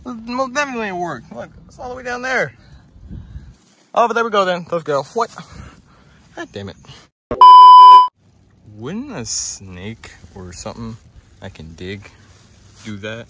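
A man vlogging outdoors near the woods in a rough morning voice, bantering, grumbling and joking as he talks. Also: on the high side, big pitch swings, unhurried, pauses often, heavy background noise. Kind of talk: casual outdoor vlog chat.

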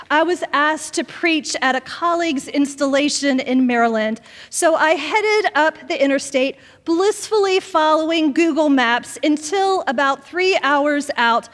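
A woman pastor preaching a sermon in a measured way, letting her phrases trail off softly. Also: high-pitched. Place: church sanctuary. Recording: long reverb of a church sanctuary.

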